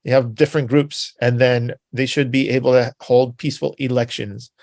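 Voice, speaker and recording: A man's voice: medium pitch, little pitch movement, normal speed, darkish tone, no echo. A man giving an informal spoken history talk, rambling and conversational, full of filler words and tag questions. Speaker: presenter.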